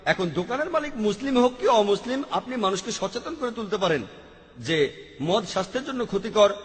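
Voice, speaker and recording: A man giving a question-and-answer lecture, answering audience questions methodically, quoting scripture verses and listing options one by one. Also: high-pitched. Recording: long hall reverb.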